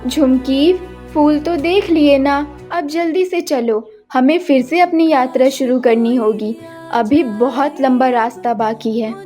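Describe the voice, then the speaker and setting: A woman voicing a caring middle-aged mother who soothes and gently scolds her daughters, over background music. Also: sits high, measured pace. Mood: motherly. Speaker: voice actor. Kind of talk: dubbed cartoon acting.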